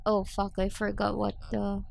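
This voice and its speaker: A woman's voice: mid-range voice, completely flat delivery, normal speed, gravelly, darkish tone, no echo. A woman co-hosting a podcast, bluntly correcting her partner in casual chat. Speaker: podcast co-host.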